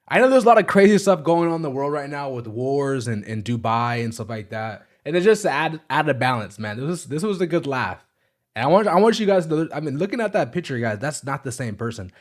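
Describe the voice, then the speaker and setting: A man hosting a casual live stream, talking in a loose, slangy way and breaking into laughter. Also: fairly high pitch. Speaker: streamer host.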